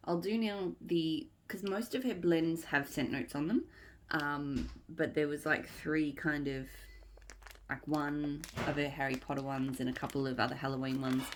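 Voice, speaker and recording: Speaking in a low voice over slight background noise, a woman vlogger talks through her wax melts haul. Her review is casual and a little rambling, with her thoughts spoken aloud as they come.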